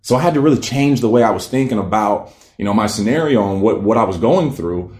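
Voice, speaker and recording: Male, 30s, casual storyteller, earnest and rambling, lowish voice, roomy echo. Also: expressive, fairly quick, a little mellow. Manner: rambling, many fillers and restarts, earnest. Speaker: cancer survivor telling his story. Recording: echoey room.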